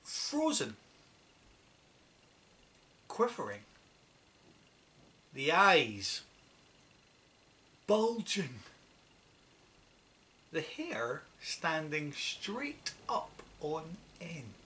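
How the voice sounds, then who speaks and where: Woman reading a kids story aloud, slow and lively, really bright tone. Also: sits low. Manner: expressive, dramatic reading. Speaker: audiobook narrator. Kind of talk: storybook narration.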